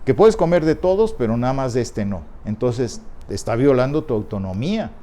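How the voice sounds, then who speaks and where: A man's voice: medium pitch, animated, normal speed, dark tone, natural voice. A man voicing a scheming, mocking devil who taunts with sly questions. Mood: taunting.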